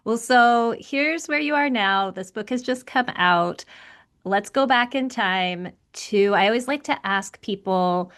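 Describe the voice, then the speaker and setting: A woman's voice: a little high, a little slow, fairly bright tone. Enthusiastic woman podcast host. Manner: enthusiastic, chatty questioner. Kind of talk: podcast interview.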